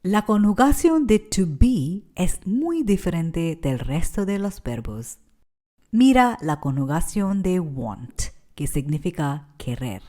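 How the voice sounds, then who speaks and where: A woman's voice: on the low side, very animated, slow pace, mellow, soft background music. A woman who is a native English speaker, teaching an English lesson in Spanish and patiently repeating words for learners to echo. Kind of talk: slow, deliberate language lesson.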